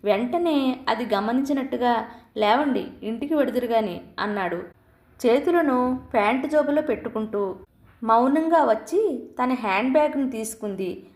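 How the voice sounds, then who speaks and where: A woman reading a story aloud in a calm, measured scripted narration. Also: a little high. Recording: roomy echo.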